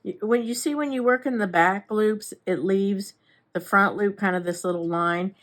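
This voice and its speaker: A woman walks through a crochet project step by step in a casual, unhurried way, working with her hands as she talks. She tosses in chatty asides and corrects herself now and then. Her voice is medium-pitched and a bit bright, at a normal speed.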